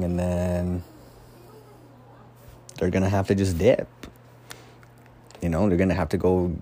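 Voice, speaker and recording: A man's voice: low-pitched, darkish tone, a little hiss or hum. A man hosting a casual solo fantasy football podcast from a room at home, rambling and swearing freely as he gets sidetracked. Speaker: podcast host. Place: room at home, door nearby.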